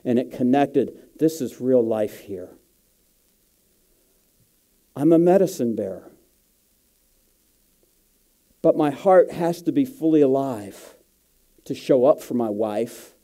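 A man's voice: mid-range voice, animated, unhurried, long pauses, dark tone. A male guest pastor giving a sermon, telling personal stories in a casual, slangy way.

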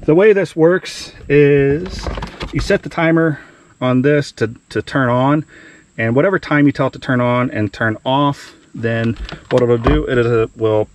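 A man's voice: medium pitch, slight background noise. A man hosting a do-it-yourself video outdoors in a wooded yard, explaining his project in a plain conversational way with fillers, recorded on a body-worn camera. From Ohio. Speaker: DIY outdoors channel host. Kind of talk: casual how-to explanation.

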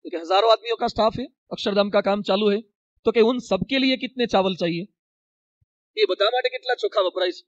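A man's voice: sits high, fairly quick, dry recording, dull audio. A man, a monk, preaching a sermon with a Gujarati accent and acting out stories as he tells them. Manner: animated storyteller, acts out dialogue. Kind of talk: sermon with storytelling.

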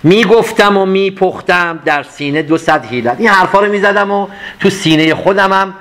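Guy teaching a poetry class, kinda high voice, reads lines slow then chats them through. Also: a bit bright. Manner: recites verses slowly, then explains them conversationally. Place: lecture class.

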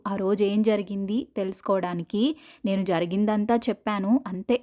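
A woman's voice: mid-range voice, darkish tone. Woman narrating a horror story.

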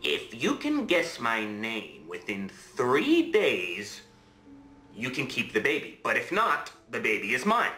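A sly, demanding little imp from a storybook, put on by a man telling the tale. His voice swoops lively and bright, and an echoey room surrounds it. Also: mid-range voice, slow, full character voice. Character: scheming little male imp.

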